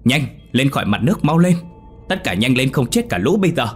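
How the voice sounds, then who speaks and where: A man voicing a stubborn, eccentric old village man who shouts back in a squawky, hurried way, in a storybook reading. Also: mid-range voice, big pitch swings, soft background music, voice pushed up, natural voice. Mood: alarmed. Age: older.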